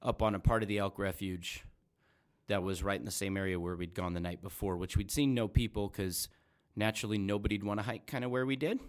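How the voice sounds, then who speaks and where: Middle-aged dad, low voice, folksy guest recounting a hunt. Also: male voice, fairly even intonation, brisk. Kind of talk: casual storytelling.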